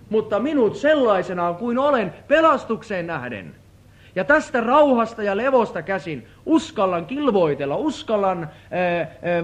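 A man preaching a sermon in a prayer house, swinging between soft, low stretches and louder emphatic ones, and acting out the voices in his stories. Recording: dull lo-fi recording.

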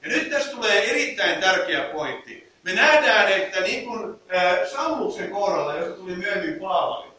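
High, bright-voiced man preaching in echo. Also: sing-song, hardly any pauses. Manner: reads scripture, then explains with fillers and restarts. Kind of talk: sermon. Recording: echoey room heard from a distance.

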